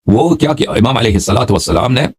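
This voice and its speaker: A man teaching as a religious scholar, slowly reciting Arabic text and explaining it in with repeated checks on his listeners. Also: mid-range voice, expressive, slightly rough. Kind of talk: explaining an Arabic hadith text line by line in Urdu.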